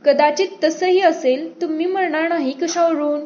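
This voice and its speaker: A woman reader voicing an arrogant, drunken male chieftain who mocks and shouts at an envoy. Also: very high voice, fairly even intonation, moderate pace, highs cut off, voice pushed up. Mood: sneering. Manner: sneering, mocking, shouting.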